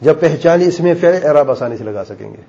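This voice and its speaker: Guy teaching grammar class, patient, keeps asking the students stuff, mellow dark voice, muffled lo-fi recording with faint hiss. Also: a little high, lively intonation, gravelly. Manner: patient, questioning, explains rules step by step. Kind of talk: classroom lesson, quizzing students. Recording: dull lo-fi recording with faint noise.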